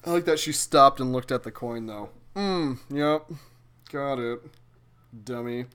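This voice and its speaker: A man's voice: medium pitch, a little slow, fairly bright tone, clean tone. A young man casually chatting with viewers while streaming a video game, swearing and exclaiming as he plays.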